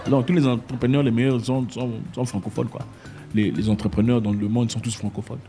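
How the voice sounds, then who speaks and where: A man giving his opinion to camera in a casual, emphatic way, with sudden jumps in pitch. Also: brisk, faint music behind, some chatter behind. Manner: animated and emphatic, with sudden high pitch jumps and mock voices. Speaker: commentator.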